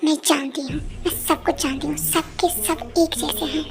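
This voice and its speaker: A woman's voice: high voice, fairly even intonation, normal speed, vocal fry. A woman voicing an angry, jealous young woman who accuses her partner of abandoning her. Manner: accusing, sulky, fiery. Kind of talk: fan audio drama acting. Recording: music playing behind.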